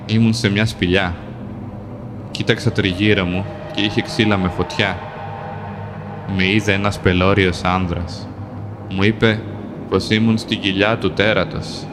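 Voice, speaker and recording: A man reading a dark first-person fantasy tale in a calm, measured way, in short plain sentences. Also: on the low side, background noise. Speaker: storyteller. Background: music.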